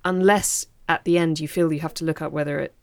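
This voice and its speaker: Very low, gravelly-voiced woman author. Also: steady tone, fast, no echo, clean studio sound. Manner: reflective, searching for words. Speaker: author guest. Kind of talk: literary discussion.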